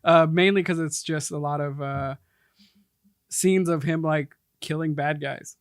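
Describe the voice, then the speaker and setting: A man's voice: fairly high pitch, fairly even intonation, measured pace, smooth, no room sound, clean studio sound. A man sitting in as podcast co-host, chatting casually, agreeing and laughing easily. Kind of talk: casual chat.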